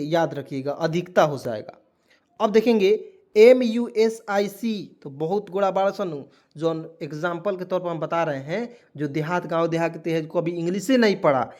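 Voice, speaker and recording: Male teacher with a high voice, spells words aloud letter by letter and quizzes viewers, patient lesson delivery. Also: a little mellow. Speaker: English teacher. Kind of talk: spoken lesson.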